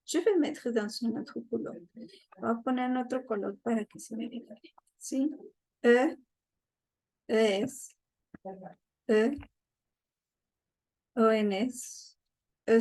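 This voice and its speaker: Young woman teacher, fairly high voice, unhurried and patient, keeps checking in with the class. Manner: patient, repeats each point with check-ins. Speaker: French teacher. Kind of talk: online class lesson.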